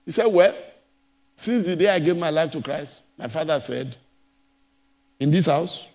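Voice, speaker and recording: A pastor preaching a sermon, emphatic and repetitive, moving between loud and soft passages. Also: male voice, on the high side, animated, moderate pace, in a large hall. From Nigeria. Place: church.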